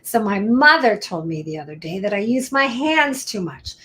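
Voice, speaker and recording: A woman's voice: medium pitch, big pitch swings, normal speed, pushed and bright. Upbeat, talkative woman lawyer hosting a live stream; casual, chatty delivery. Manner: chatty, upbeat and talkative, drops into whispered asides. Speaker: attorney hosting a live legal Q&A show.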